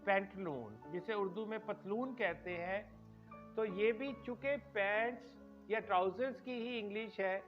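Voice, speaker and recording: A man giving a spoken pronunciation lecture, slow and deliberate, repeating each word for emphasis. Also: high voice. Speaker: English pronunciation teacher. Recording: dull lo-fi sound with faint music.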